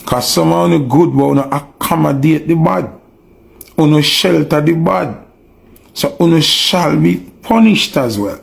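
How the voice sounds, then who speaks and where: A Jamaican man with a gravelly, fry-laden voice sitting a little high for a man. He rants in an emphatic, preachy monologue and keeps hammering his listeners with rhetorical questions. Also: a little slow. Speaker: online commentator. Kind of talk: ranting monologue.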